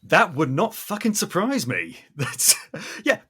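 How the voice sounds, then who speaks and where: A UK podcast host conducts a casual, effusive interview full of enthusiasm, swearing freely. His fairly high voice swings hugely in pitch, and he speaks slowly with a pushed, bright, slightly rough quality.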